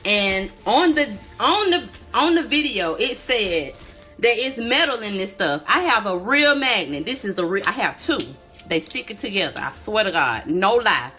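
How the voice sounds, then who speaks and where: A woman's voice: mid-range voice, sing-song, moderate pace, sharp tone, faint music behind. A woman filming herself on a phone camera, upset and emphatic as she talks straight to viewers. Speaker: mother filming a video. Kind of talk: angry phone video rant.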